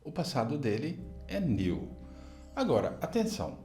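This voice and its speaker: A man from Brazil teaching an English lesson in a video, explaining grammar step by step and saying example sentences slowly. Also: medium pitch, wildly swooping pitch, a little mellow, faint music behind.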